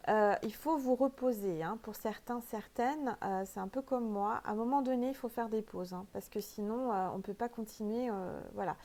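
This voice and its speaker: Woman with a French accent, oracle card reader, chatty and emphatic, many fillers, a bit high-pitched. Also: normal speed, few pauses, warm tone. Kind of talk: casual spiritual card reading.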